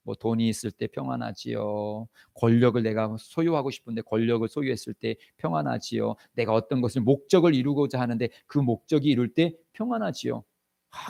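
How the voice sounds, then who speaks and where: A male pastor preaches a Sunday sermon in a church sanctuary during live worship. His gravelly, slightly high voice swings between emphatic bursts and quieter asides, and he asks the congregation question after question. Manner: emphatic, rhetorical questions, often acts out quotes.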